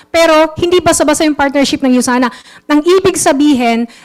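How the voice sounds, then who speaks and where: High-voiced Filipino woman rousing a seminar. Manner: lively, quizzes the audience with frequent tag questions; mixes English phrases into her talk. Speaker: network marketing trainer. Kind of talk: motivational seminar talk.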